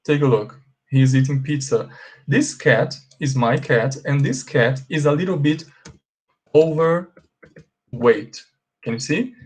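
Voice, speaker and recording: A man with a Brazilian Portuguese accent teaching English grammar, asking and answering his own questions and drilling example sentences slowly. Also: mid-range voice, slightly rough. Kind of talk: bilingual grammar lesson.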